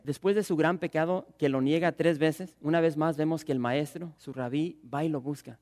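A male pastor preaching a sermon in Spanish, emphatic, swinging between loud exclamations and hushed, slower asides. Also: a little high, long reverb tail.

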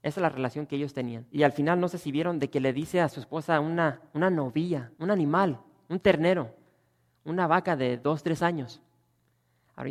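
A male pastor preaching a sermon, swinging between rising emphatic bursts and quiet asides. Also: mid-range voice. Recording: long hall reverb.

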